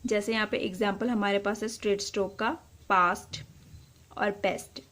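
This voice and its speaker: A woman teaching a shorthand class as a voice-over. She explains each step patiently and repeats the example words slowly. Her pitch sits in an ordinary middle range. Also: level tone, fairly bright tone.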